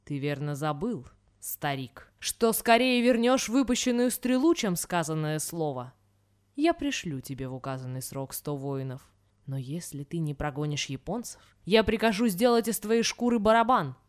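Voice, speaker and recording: A woman reading a folk tale aloud, voicing a proud, quick-tempered male general who shouts his threats. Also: lowish voice, big pitch swings. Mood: mocking, threatening. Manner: indignant, shouting.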